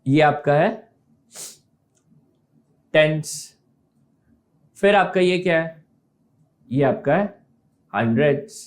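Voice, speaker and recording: Lively high-voiced male maths teacher. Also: slow pace, pauses often. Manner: explains step by step, keeps asking if students understood; mixes English maths terms into Hindi. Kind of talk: online maths class.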